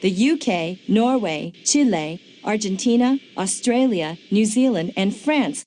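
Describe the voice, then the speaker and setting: A woman's voice: mid-range voice, unhurried, slight background noise, lightly acted. Jules, a woman voicing a dry-witted agent. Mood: calm. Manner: calm, informative, a bit sarcastic. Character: smart, dry-witted female agent, fact-minded. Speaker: game character, field agent. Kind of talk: video game voice acting. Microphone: dry studio mic.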